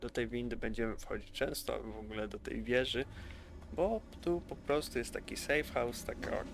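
A man's voice: mid-range voice, steady tone, normal speed, faint music behind. A man giving chatty, rambling, enthusiastic commentary over gameplay. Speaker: gaming youtuber.

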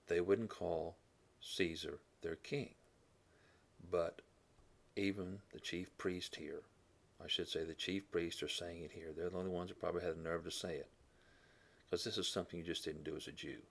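Low gravelly male Bible teacher. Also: fairly even intonation, moderate pace, long pauses. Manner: thinking aloud, with fillers and self-corrections; clears his throat often. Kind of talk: classroom Bible lesson.

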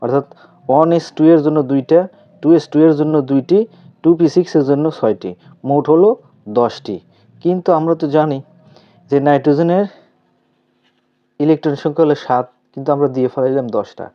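A man teaching a chemistry lesson step by step with a Bangladeshi Bengali accent, asking questions aloud and answering them himself. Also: a little high. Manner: asks questions aloud then answers, repeats terms slowly. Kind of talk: step-by-step tutorial explanation. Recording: slightly dull lo-fi recording.

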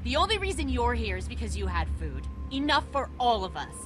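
High-voiced, fiery survivor leader. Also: female voice, very animated, a little fast, music in the background. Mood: bitter. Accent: American. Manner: confrontational, exasperated. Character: fiery, embattled woman leading a survivor group. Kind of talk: video game acting.

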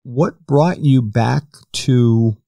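A man's voice: mid-range voice, very slow, creaky, dark tone, no echo. A man hosting a podcast, asking questions and giving long, careful explanations in casual interview talk. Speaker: podcast host.

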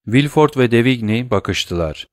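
A man's voice: mid-range voice, animated, normal speed, no room sound, clean studio sound. Man narrating a classic novel. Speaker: audiobook narrator. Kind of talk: scripted literary narration.

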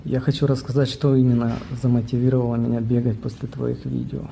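A man in his thirties recording a low-key video message while lying in bed, speaking into an earphone mic. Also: little pitch movement, quick pace, vocal fry, mellow, slight background noise. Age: 30s. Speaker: contest entrant. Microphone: earphone mic, phone close up.

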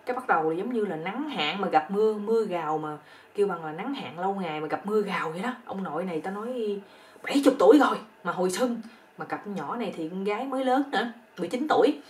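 Give me a Southern Vietnamese woman telling a comic story fast and chatty, a little distant from the mic. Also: mid-range voice, expressive. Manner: rapid, chatty, colloquial.

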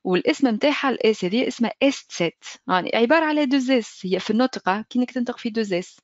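Woman, Tunisian accent, German teacher, fast talker, fairly high voice, slightly dull dry audio. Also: expressive, dry recording. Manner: drills pronunciation, checks in with students often. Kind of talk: online language lesson.

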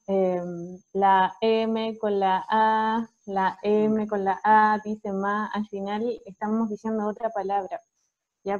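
A woman's voice: mid-range voice, warm tone, highs cut off. A Chilean woman teacher patiently explaining phonics to parents, often checking in with "ya?". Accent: Chilean Spanish.

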